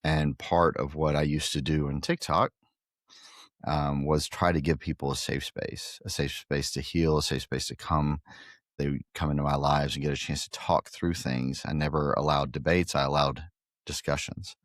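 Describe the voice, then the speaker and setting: A man's voice: very deep voice, steady tone, normal speed, no room sound, studio quality. A middle-aged man from Guatemala, a facility owner talking earnestly in a casual interview, with many fillers and restarts. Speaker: pickleball facility owner and podcast guest.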